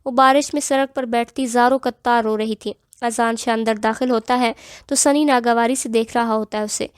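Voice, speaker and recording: Female novel narrator, high pitch, dry recording, steady dramatic telling. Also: smooth, no echo. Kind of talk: reading an Urdu romance novel aloud.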